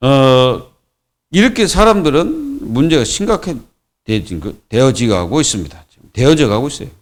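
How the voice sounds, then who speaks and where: A man's voice: mid-range voice, sing-song, moderate pace. A man preaching a Friday sermon as pastor, in a colloquial, repetitive way with many fillers. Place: church.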